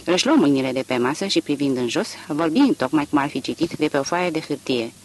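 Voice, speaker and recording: A man narrating a literary audiobook in an expressive, varied storytelling manner. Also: a little high, slight background noise.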